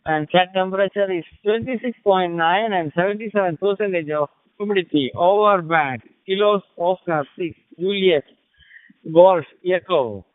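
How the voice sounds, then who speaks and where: A South Indian man with a high, smooth voice works a ham radio. He is polite and formulaic, often repeating call signs. The transmission is dry and thin, squeezed like a phone line. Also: normal speed, no room sound. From Kerala, South India. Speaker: amateur radio operator. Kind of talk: ham radio contact exchange. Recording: tinny, narrow-band ham radio link.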